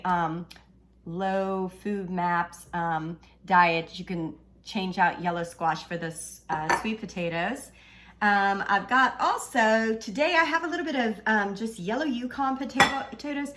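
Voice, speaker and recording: Woman, cooking video host, medium pitch, casual, halting, filler-heavy, playful and flirty. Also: a bit bright, a little hiss or hum.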